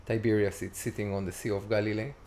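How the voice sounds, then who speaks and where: A man in his forties with an Israeli accent, speaking in a low, gravelly voice. He talks in a halting way and fills his pauses with hesitations as he looks for words. Faint noise sits under the voice. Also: little pitch movement, a little mellow. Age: 40s. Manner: halting, searching for words with many fillers. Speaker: guest. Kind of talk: casual interview conversation.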